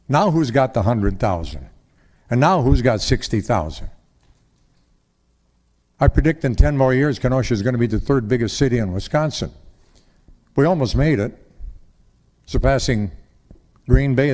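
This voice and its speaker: A man's voice: medium pitch, darkish tone. Older man, folksy rambling speaker at a council lectern mic. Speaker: public commenter at council meeting. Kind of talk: public comment speech.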